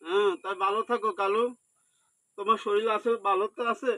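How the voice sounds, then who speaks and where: A man's voice: high-pitched, little pitch movement, brisk, dry recording, low-quality recording. A man, tenderly and repetitively coaxing his animal before parting with it. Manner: soft, pleading and repetitive, coaxing. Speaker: livestock owner. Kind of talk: tender spoken farewell to an animal.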